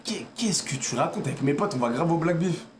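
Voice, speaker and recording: A man's voice: on the high side, expressive, a little fast, slight background noise. A man with a Parisian French accent chatting casually and flirtatiously in teasing slang, as a streamer talking with strangers.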